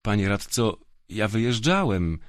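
A man's voice: fairly low pitch, very animated, unhurried, no room sound, clean studio sound. A man voicing an older, nervous prison guard in an audiobook, making anxious excuses. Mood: pleading. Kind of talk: audiobook character voice.

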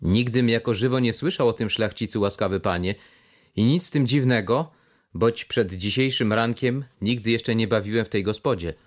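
Man playing a fawning old one-legged pirate, oily and obsequious, in a storybook, a touch higher than his low voice. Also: normal speed, natural voice. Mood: obliging. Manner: obsequious, wheedling politeness.

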